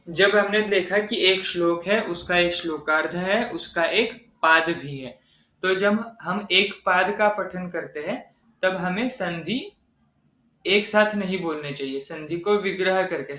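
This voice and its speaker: A man with a high, bright voice gives a slow, deliberate lesson and pauses to chant verse lines. The sound is dull and echoey, as if recorded in a bare room. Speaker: Ayurveda teacher. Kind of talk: recorded online lecture.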